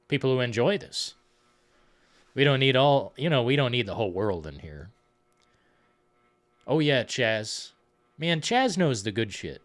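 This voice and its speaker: Stream host, male, loose and profane, lively swooping delivery, casual film talk. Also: lowish voice. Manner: rambling, profane, excitable.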